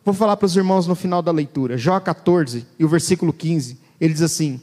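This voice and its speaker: High-voiced preacher in a reverberant church. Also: male voice, fast. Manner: dramatic, swings between loud and hushed low voice. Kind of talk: sermon with scripture reading.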